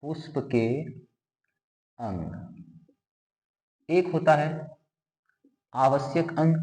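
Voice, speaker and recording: A man's voice: a little high, very slow, darkish tone. Man teaching biology in a reverberant room. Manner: asks questions and answers them himself, repeating terms. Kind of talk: classroom lesson with drawing. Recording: echoey room with long reverb.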